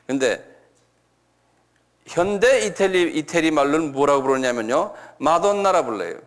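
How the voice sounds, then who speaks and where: Middle-aged pastor guy teaching the bible, slow drawn-out talk, higher voice, keeps asking the crowd questions. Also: fairly bright tone. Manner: asks the listeners questions and answers them himself; repeats key words slowly. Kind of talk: sermon-style Bible lecture.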